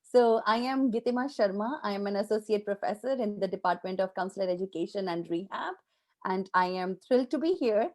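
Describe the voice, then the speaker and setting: A woman's voice: medium pitch, expressive, a little fast. A woman from India speaking as a professor on a panel over a video call, polite and full of fillers. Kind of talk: conversational panel remarks.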